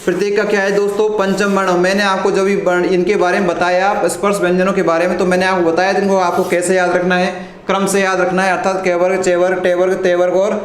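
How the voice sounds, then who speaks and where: Guy teaching a live class online, high flat voice, keeps clearing his throat, roomy echo. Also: quick pace, few pauses. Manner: repeats questions to the class and answers them. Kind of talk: live online grammar lesson. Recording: echoey room with faint noise.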